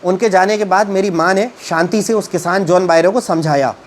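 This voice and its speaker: Over a faint hiss or hum, a man whose voice sits high slowly reads English lines from a story. He follows with a halting explanation and retelling, using plenty of fillers.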